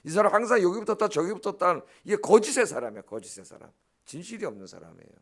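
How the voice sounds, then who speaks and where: A man's voice: high-pitched, very animated, racing, fairly bright tone. A middle-aged man, a pastor preaching a dawn service sermon in an emphatic, blunt way, often checking in with the congregation. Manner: blunt, scolding asides.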